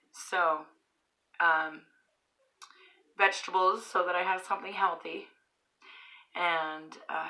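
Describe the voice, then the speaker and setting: Chatty woman eating on camera, bright voice. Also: fairly low pitch, low-quality recording. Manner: chatty, chuckling, fillers while chewing. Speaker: mukbang vlogger. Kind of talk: casual storytelling while eating. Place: her bedroom at home.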